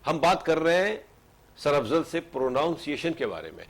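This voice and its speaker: A man's voice: fairly high pitch, very animated, moderate pace. A man from Pakistan hosting a studio talk show, asking questions and mixing English phrases into his talk. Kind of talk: studio interview.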